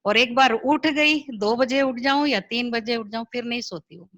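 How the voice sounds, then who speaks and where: Woman, middle-aged, storytelling testimony, lively quoted dialogue, crisp bright tone, video call audio. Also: on the high side, normal speed, muffled recording. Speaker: spiritual sister sharing her experience.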